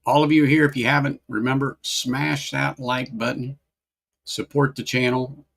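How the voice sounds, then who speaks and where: A man with a gravelly, creaky voice hosts a laid-back whiskey livestream. He talks in a loose, rambling way, doubling back on phrases and greeting viewers in the chat by name. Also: mid-range voice, little pitch movement, moderate pace, fairly bright tone.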